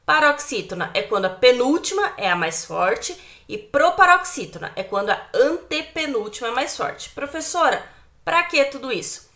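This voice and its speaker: A woman teacher with a Brazilian accent, giving a recorded grammar lesson to children, patient and clear, often asking the pupils questions. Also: on the high side, pushed and bright. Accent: Brazilian Portuguese.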